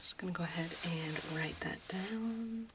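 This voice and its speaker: A woman playing a gentle, reassuring doctor in a soft, unhurried whispered role-play. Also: on the low side, background noise, lightly acted. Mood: calm, attentive.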